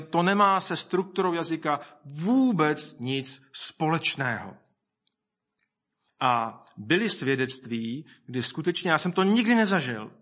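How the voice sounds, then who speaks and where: A man preaching a sermon, reflecting aloud, reading scripture and quoting people in lively voices. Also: on the high side.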